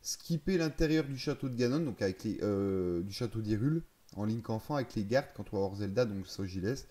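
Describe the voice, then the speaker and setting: A man's voice: lowish voice, animated, fairly quick, dark tone. A man casually explaining a game's settings, thinking aloud, hesitating and correcting himself as he goes. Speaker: gaming video creator.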